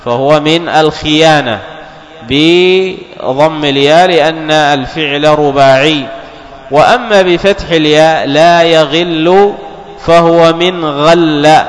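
A man giving a religious lesson, explaining texts in a measured way, repeating key phrases and half-chanting quotations. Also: a little high. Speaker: Islamic scholar teaching. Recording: long hall reverb.

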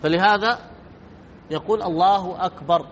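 A man's voice: sits high, moderate pace, fairly bright tone. A man teaching a religious lesson on jurisprudence in a slightly raised voice. He lays out each ruling step by step and repeats his key points so they sink in. The recording is muffled and lo-fi, with a faint hiss underneath. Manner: methodical, repeats points for emphasis. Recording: dull lo-fi with faint noise.

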